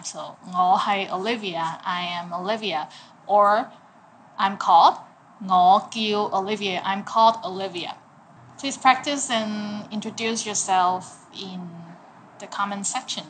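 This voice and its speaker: A woman teaching a language lesson, saying each phrase slowly and clearly, then translating it patiently. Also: mid-range voice, a bit bright, a little hiss or hum. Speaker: Cantonese teacher.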